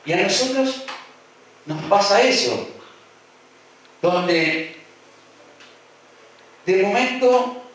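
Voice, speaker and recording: Preaching in an echoey church hall with the mic placed far off, an Argentine-accented pastor speaks in a high-pitched, a bit bright voice with lively intonation. He draws out his words, leaves long pauses, acts out voices, and repeats phrases to stress them.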